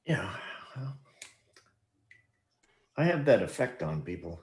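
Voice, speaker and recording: A man with a very low voice talks in an easygoing, joking way, with his pitch rising and falling a lot. His comes through in the casual back-and-forth, and he drops in jokes as he goes. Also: big pitch swings, slow pace, darkish tone. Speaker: co-host. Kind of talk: casual late-night chat.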